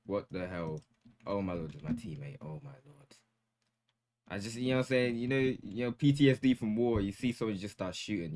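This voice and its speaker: Young man, lowish voice, hyped slangy gameplay commentary for his channel. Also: a little mellow, slight background noise. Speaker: gaming YouTuber.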